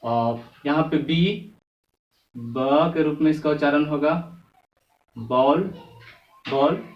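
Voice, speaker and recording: A man teaching beginners the English alphabet and letter sounds, repeating each sound and word slowly. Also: a little high, highs cut off. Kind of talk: slow phonics lesson for beginners. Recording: echoey room, voice far from mic.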